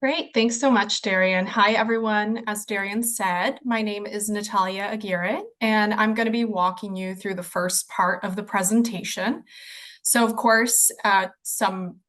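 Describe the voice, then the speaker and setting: A woman's voice: mid-range voice, fairly even intonation, a little slow, a bit bright. A woman presenter starting her part of a webinar in a friendly tone.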